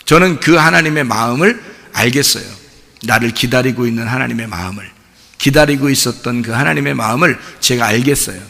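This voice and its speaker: A man's voice: mid-range voice, fairly quick, gravelly, sharp tone. A man pastor preaching a sermon in a conversational, storytelling way, acting out his own prayers. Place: church sanctuary. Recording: echoey church hall.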